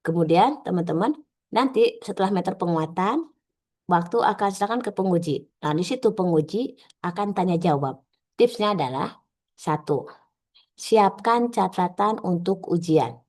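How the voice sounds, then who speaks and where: A woman's voice: fairly low pitch, expressive, a little mellow. A woman coaching civil service trainees on a video call, giving step-by-step tips and acting out short sample exchanges. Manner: instructive, acts out quick sample dialogues with filler "eh". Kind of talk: online coaching session.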